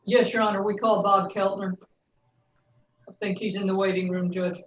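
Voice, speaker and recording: A woman prosecutor questioning a witness in a brisk, formal manner, heard in a courtroom recording. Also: medium pitch, flat delivery, slight background noise. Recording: roomy, distant, dull courtroom recording.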